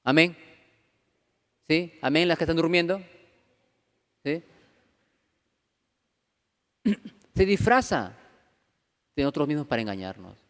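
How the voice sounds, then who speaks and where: A man's voice: a little high, expressive, slow pace, pauses often, fairly bright tone. A man preaching a conversational sermon as pastor, peppering the congregation with rhetorical questions and acting out the voices of churchgoers. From Peru. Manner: acts out quoted voices of churchgoers. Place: church hall. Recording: reverberant church hall.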